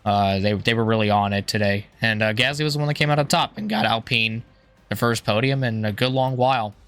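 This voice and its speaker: A man with a hoarse, strained voice giving casual, rambling gameplay commentary, thinking aloud in an informal way. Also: lowish voice, brisk, a bit bright. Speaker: gaming YouTuber.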